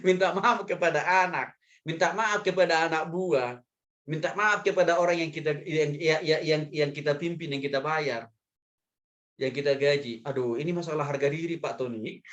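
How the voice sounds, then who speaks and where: A male pastor giving a sermon in a lively, humorous way, chuckling often and addressing the men in the congregation directly. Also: a little high, moderate pace, highs cut off.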